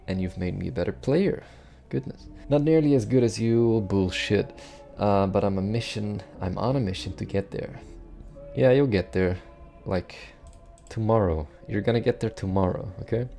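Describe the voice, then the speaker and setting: A young man with a deep, gravelly voice that is wearing thin. He reads out and answers viewer questions in a dry, self-deprecating way, with a dark, mellow tone and faint music underneath. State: losing his voice. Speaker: bass cover channel host.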